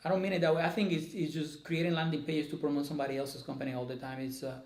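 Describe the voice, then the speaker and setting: A man hosting a casual interview, upbeat in his intro and halting when asking questions. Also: on the high side, flat delivery, a little mellow. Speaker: podcast host. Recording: echoey room.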